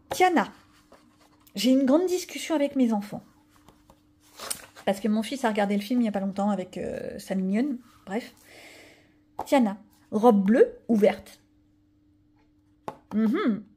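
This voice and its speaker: A woman's voice: fairly high pitch, mellow, a little hiss or hum. A woman chatting casually to viewers about her coloring books, rambling with many asides and fillers. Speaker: coloring vlogger. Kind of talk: casual chat showing coloring pages.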